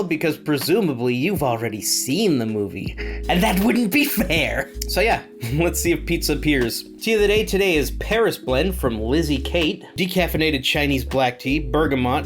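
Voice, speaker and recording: A man's voice: a little high, expressive, normal speed, music in the background. A man chatting casually as he hosts a movie reaction video, amused with himself and full of hesitant fillers.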